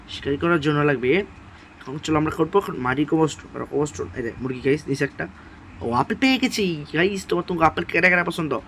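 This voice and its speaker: Soft-spoken gaming host. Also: male voice, on the high side, slight background noise. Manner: speaks softly and quietly late at night; repetitive, pleading with viewers, apologetic. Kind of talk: casual gameplay commentary.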